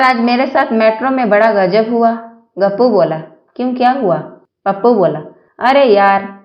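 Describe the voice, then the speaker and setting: A woman reading a series of short jokes aloud, telling them slowly and evenly with the quoted lines. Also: fairly high pitch, echoey room, muffled recording. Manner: slow, even joke telling with quoted lines. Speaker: joke narrator.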